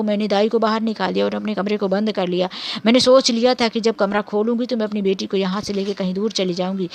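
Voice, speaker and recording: A woman's voice: mid-range voice, a little mellow, lightly acted. A woman voicing a grieving village mother who was wronged for years, in a plaintive, sorrowful read-aloud story.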